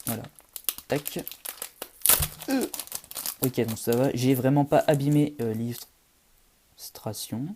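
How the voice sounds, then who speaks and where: A young man with a dark, mellow voice talks casually to his viewers while opening a card pack. He speaks haltingly, stopping and restarting often and padding his sentences with fillers. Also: medium pitch. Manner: hesitant, halting, full of fillers. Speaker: card collector vlogger. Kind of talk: casual unboxing chat.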